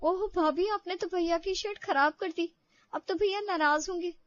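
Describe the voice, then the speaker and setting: A woman's voice: extremely high pitch, normal speed, no room sound, dull audio. A woman voicing a teasing young sister-in-law in a cartoon story, cheeky and complaining. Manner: teasing, complains to her mother, calls the bride "bhabhi". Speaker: cartoon character.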